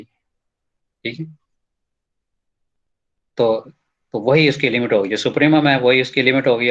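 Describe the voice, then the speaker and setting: A man teaching a math proof in a recorded lecture. He reads textbook lines slowly, then explains them in casual Hindi, mixing in English terms and often checking in with "ठीक है". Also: mid-range voice, fairly bright tone, dull audio.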